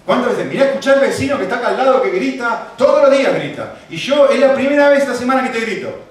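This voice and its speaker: A man's voice: a little high, expressive, brisk, natural voice. A man voicing a defensive husband who insists and makes excuses, heard in an echoey hall from a distance. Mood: indignant. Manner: exasperated, insistent.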